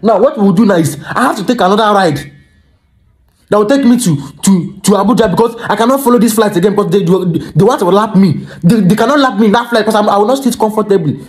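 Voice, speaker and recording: A young Nigerian man telling a comic story to his phone camera indoors, excitable and stumbling over repeated words. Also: high voice. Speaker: comedic storyteller. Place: small indoor room by a curtain. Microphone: phone camera held at arm's length.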